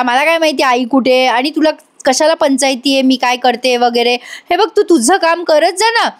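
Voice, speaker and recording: An insolent, scheming young woman who meets every question with mockery and sass, put on by a woman narrator. High-pitched, a serial recap scene. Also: lightly acted. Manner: mocking, cheeky retorts.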